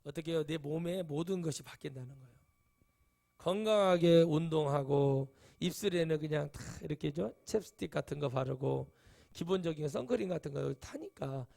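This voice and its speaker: A man's voice: high-pitched, creaky, mellow. A middle-aged male pastor giving a sermon, telling chatty stories and rising to emphatic exclamations. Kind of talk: sermon with anecdotes.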